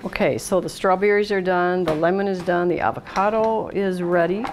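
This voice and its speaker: This cooking show host, a middle-aged American woman, speaks at a fairly low pitch and a moderate pace with fairly even intonation. She calmly talks through each step of a casual demonstration while working at a steel worktop indoors. Dishes clatter and the kitchen sounds noisy.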